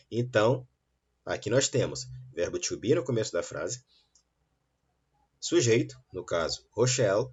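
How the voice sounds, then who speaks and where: A man teaching an English lesson, saying model sentences slowly and clearly between quicker explanations. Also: lowish voice. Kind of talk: online English lesson for Portuguese speakers. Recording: dull, lo-fi sound.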